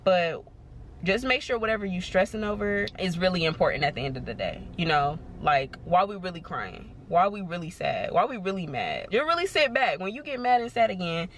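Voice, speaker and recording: This woman's voice sits on the low side and swings widely in pitch as she talks briskly, with slight background noise. In a loose, rambling vlog she offers encouragement and reassurance to her viewers, leaning heavily on "like" and "you know."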